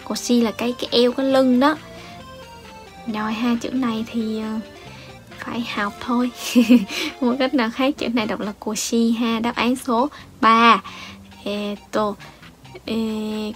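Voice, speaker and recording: A Vietnamese woman with a slightly high voice explains Japanese exam answers in a patient, teacherly way. She often pauses on fillers and ends her points with a soft question tag. Faint background music plays beneath her voice. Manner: patient, explanatory, many fillers and rising "ha" tags.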